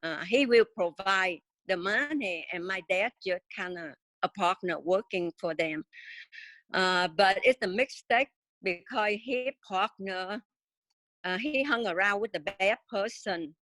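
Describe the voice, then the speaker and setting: A woman in her seventies from Vietnam with a Vietnamese accent, telling her life story haltingly in an interview with many pauses and fillers. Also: mid-range voice, expressive, fairly bright tone, no room sound. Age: 70s. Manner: halting, many filler sounds, simple grammar. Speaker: interview guest.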